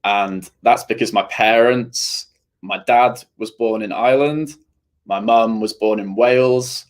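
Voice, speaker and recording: A man's voice: on the low side, a little slow. A young man from England, a university student, talking casually to viewers in a chatty, rambling way full of "I mean" and "you know" asides. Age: young adult.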